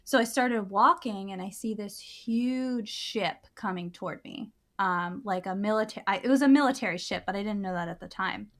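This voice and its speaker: A woman's voice: medium pitch, moderate pace, few pauses. A woman co-hosting a podcast, telling a personal experience in a casual, earnest way, with many fillers and restarts. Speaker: podcast co-host. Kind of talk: casual storytelling.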